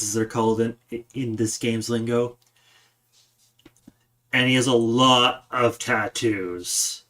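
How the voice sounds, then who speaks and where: A man's voice: medium pitch, a bit bright. A man narrating a tabletop game as game master, describing scenes and often restarting his sentences.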